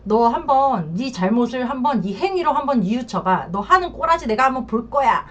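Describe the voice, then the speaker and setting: A woman's voice: a little high, big pitch swings, a little fast, a bit bright. Woman putting on a furious, scornful betrayed wife. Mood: spiteful. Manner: taunting, scornful, bossy. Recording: dull lo-fi recording.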